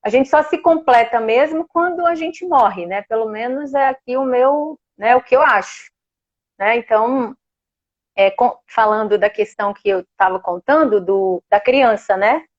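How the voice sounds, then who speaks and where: A guest with a Brazilian Portuguese accent shares a personal experience, heartfelt and emotional, laughing now and then. Her voice is a little high and a little slow, on a lo-fi recording.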